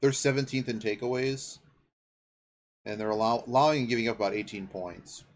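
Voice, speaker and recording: This man's voice sits at medium pitch and moves a little fast. Hosting a sports podcast, he rambles through informal football talk, thinking aloud and pausing mid-sentence to verify facts.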